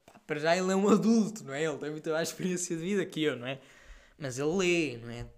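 Young European Portuguese male host, casual rambling to camera, a touch high in pitch. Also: quick pace. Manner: slangy, rambling, many fillers. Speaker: podcast host. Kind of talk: casual monologue to viewers.

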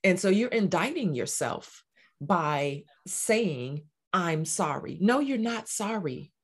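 A woman's voice: lowish voice, lively intonation, slow, husky. A woman life coach speaking as a podcast guest, earnest and emphatic. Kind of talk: casual conversational chat.

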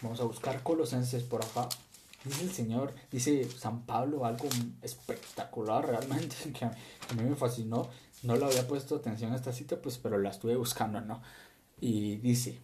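A male preacher, giving an animated sermon to his congregation and acting out voices as he tells the story. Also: mid-range voice, measured pace, background noise. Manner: animated, acts out voices, laughs, asks congregation "¿sí?".

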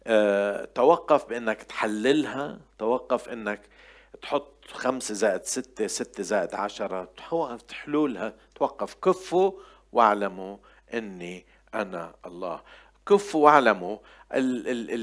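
Older man preaching emphatically. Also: fairly low pitch. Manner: swings from loud emphatic scripture quotes to quiet asides. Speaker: pastor. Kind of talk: sermon.

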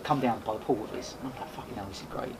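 A man's voice: on the low side, racing. A man, a podcast host appearing as a guest, telling a rambling casual story full of restarts and swearing. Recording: noisy background hiss.

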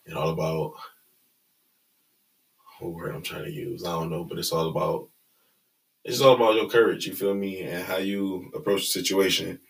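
Deep-voiced, cocky Detroit man, slangy and gravelly. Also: steady tone, normal speed, pauses often, recorded from a distance, low-quality recording. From Detroit, United States. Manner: cocky, slangy hype talk peppered with "bro" and "you feel me". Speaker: recording artist being interviewed. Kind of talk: casual chat.

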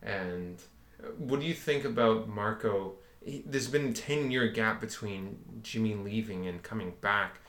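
Lower-voiced man in an echoey room. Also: unhurried, hardly any pauses, fairly bright tone. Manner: agreeable, asks questions. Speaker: podcast co-host. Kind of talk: casual discussion.

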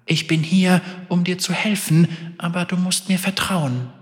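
A man voicing a gentle female spirit who speaks softly, melodic and sad. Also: sits high, steady tone, a little slow, big-room sound, pitched above the performer's own voice. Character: gentle sorrowful female spirit, soft and fragile.

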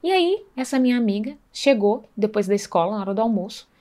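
A woman's voice: a little high, animated, quick pace, warm tone. A woman sharing a personal faith testimony in an earnest, conversational way, often checking in with her listeners. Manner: earnest, conversational, acts out dialogue, frequent tag questions.

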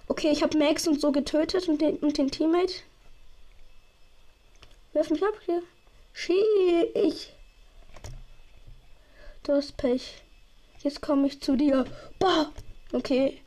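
Excitable high-voiced woman gaming. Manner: excitable, swears, uses youth slang; sometimes drops to a whisper. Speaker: gaming channel host. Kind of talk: live gameplay commentary. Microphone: headset or desk mic.

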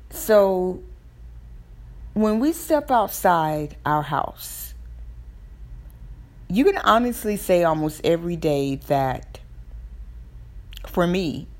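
A woman with a Southern US accent hosting a podcast, giving an informal motivational talk in halting, deliberate phrases. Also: low-pitched, darkish tone. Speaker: podcast host.

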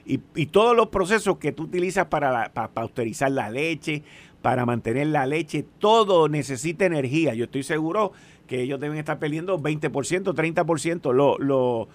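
An older Puerto Rican man in his sixties, chatting and telling stories. His voice sits a little high for a man. He is animated and keeps tossing questions to the listener. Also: moderate pace. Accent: Puerto Rican Spanish. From Puerto Rico. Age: 60s. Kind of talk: casual storytelling chat.

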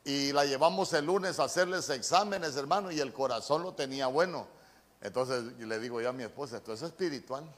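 A man's voice: medium pitch, a little fast, fairly bright tone. A middle-aged man with a Honduran accent preaching a sermon, telling a personal story earnestly and often stumbling and repeating words. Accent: Honduran Spanish. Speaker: pastor.

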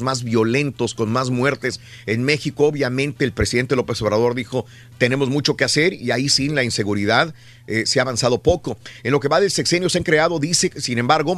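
A man with a Mexican Spanish accent hosting a radio show, telling news stories in an indignant, animated way with many fillers. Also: medium pitch, no room sound. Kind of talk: news commentary on a morning show.

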